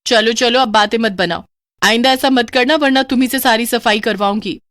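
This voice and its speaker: A woman voicing a greedy, excitable young wife whose voice goes shrill. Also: moderate pace, no room sound, studio quality, natural voice. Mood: scolding.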